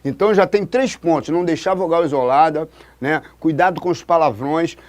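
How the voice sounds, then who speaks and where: A man's voice: on the high side, a little fast, darkish tone. A man from Brazil, a writing teacher giving a lesson at a board, pointing things out as he writes. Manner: demonstrative, keeps pointing with "look". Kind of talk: classroom-style lesson at a board.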